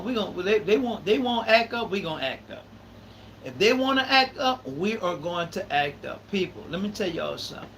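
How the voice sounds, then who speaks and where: A man in his thirties hosts a live podcast in loose, conversational talk. His voice sits unusually high and bright, and he drives points home by repeating phrases. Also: slight background noise, poor audio. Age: 30s. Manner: emphatic, repeats phrases for stress. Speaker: podcast host.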